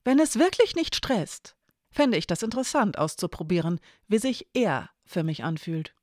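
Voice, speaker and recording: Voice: medium pitch, sing-song, normal speed, no echo, studio quality, natural voice. A narrator voicing Annika, a young woman who speaks earnestly and directly, with a raised voice. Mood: curious.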